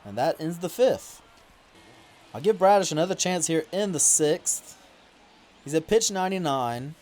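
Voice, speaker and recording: A man's voice: a little high, a little slow, a little hiss or hum. Man commentating his video game playthrough. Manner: relaxed commentary, flaring into loud indignant complaints at calls. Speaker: gaming YouTuber. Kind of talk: casual play-by-play commentary over a video game.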